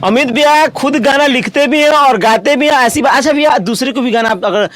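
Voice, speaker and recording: A man's voice: very high-pitched, a little fast, a bit bright. A male news-channel interviewer, chatty, often repeating and summing up his guest's answers. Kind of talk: casual interview.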